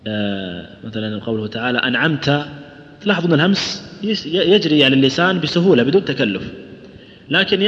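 A man's voice: fairly high pitch, fairly bright tone. Male recitation teacher, patient and questioning, dull lo-fi sound in a long-reverb hall. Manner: explains patiently, models recitation, asks students questions. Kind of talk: tajweed lesson to students. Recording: roomy lo-fi hall recording.

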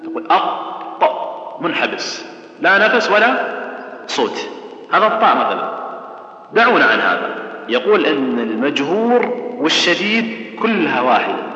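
A man's voice: on the high side, bright, forceful tone. Man teaching Quran recitation, echoey hall. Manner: explains patiently, repeats sounds and asks the class questions. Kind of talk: tajweed lesson. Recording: echoey hall, dull sound.

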